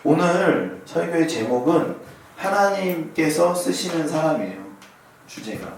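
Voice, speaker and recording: Heard from far off in a very echoey hall, this thirty-something pastor speaks a little slowly in a creaky, higher voice with lively intonation. There is slight background noise as his sermon mixes a personal story with questions for the congregation.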